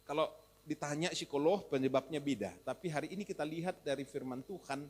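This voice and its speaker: A man pastor with a Javanese accent preaching a sermon in a lively, teasing way, mixing in Javanese and English words and rising to shouts for emphasis. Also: on the high side, a little fast, slightly rough. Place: church hall. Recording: echoey church hall.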